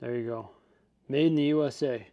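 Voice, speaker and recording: A man's voice: mid-range voice, brisk, narrow, tinny audio. A man chatting casually and upbeat in a vlog as he tidies his garage and studio, rambling through asides. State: out of breath. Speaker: vlogger.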